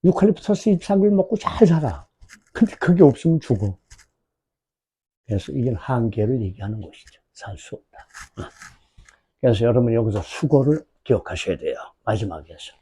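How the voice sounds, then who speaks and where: A man with a Korean accent teaching English for an exam prep lecture, asking questions and drawing out English words slowly. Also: medium pitch, lively intonation, dark tone, slightly rough.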